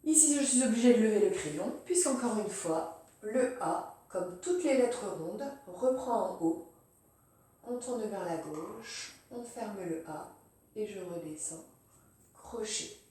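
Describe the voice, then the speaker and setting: In a slow handwriting demonstration, a calm woman teacher narrates every pen stroke step by step. Her medium-pitched voice is captured from a distance, off-mic, in a very roomy, echoey space.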